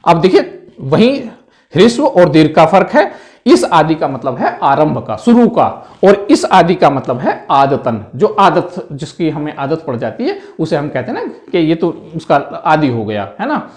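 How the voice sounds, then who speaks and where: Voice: mid-range voice, big pitch swings, unhurried, darkish tone. A Hindi teacher giving an exam-prep lesson on word pairs, explaining patiently and repeating each word, often checking in with "है ना".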